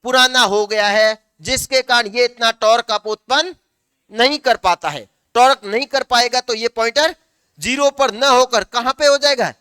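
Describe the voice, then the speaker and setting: Male teacher, lecture delivery, self-answering questions, dictates slowly at times. Very clear, crisp tone. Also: extremely high pitch, bright, forceful tone, no room sound, studio quality. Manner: asks the class questions and answers them himself; slows down to dictate notes word by word. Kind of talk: classroom lecture.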